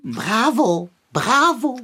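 A woman's voice: on the high side, big pitch swings, drawn-out words, fairly bright tone, husky, exaggerated voice. A woman playing an eager bicycle-shop owner styled as a pirate, using courtly, old-fashioned phrases. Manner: archaic, courtly speech.

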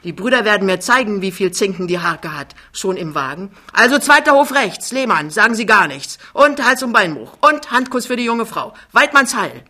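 Reader doing a big loud know-it-all guy, chatty and overbearing, bright sound. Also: mid-range voice, normal speed, natural voice. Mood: bellowing. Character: big blustering talkative man.

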